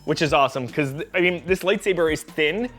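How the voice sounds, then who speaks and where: A man's voice: on the high side, brisk, fairly bright tone, soft background music. A man hosting his own channel, giving a casual, enthusiastic and jokey product review.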